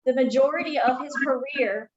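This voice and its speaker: A woman's voice: high-pitched, normal speed, echoey room, dull audio. A woman hosting a museum talk, chatty and casual, with frequent ums. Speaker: museum event host. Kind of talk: friendly welcome and introduction. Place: museum room.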